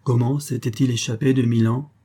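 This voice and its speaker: A man narrates a literary story in an audiobook reading with a measured, even delivery. His voice is husky and dark, with a mellow, relaxed tone. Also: medium pitch.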